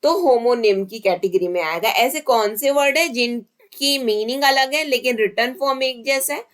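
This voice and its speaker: A young adult woman with an Indian accent, teaching an online exam-prep lesson and slowly repeating each point in mixed Hindi and English. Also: a little high. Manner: slow, repetitive explaining in mixed Hindi and English.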